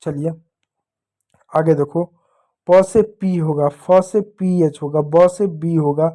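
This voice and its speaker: A man teaching young children, explaining step by step in a slow, patient way and spelling out letters one by one. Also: a little high, steady tone, dark tone. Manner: slow, patient, repeats points to young pupils. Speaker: English teacher.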